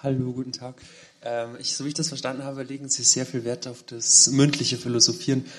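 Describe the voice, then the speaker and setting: Man asking from the audience in a flat voice. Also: mid-range voice, brisk. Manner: searching, rambling question. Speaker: audience member asking a question. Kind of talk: question from the audience.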